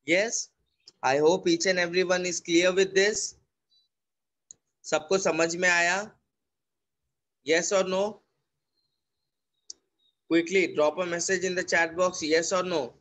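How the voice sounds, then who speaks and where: Slow, patient Indian art teacher, man. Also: sits high, fairly bright tone. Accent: Indian English. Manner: slow, repetitive step-by-step explaining, mixing English and Hindi. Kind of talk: online drawing class.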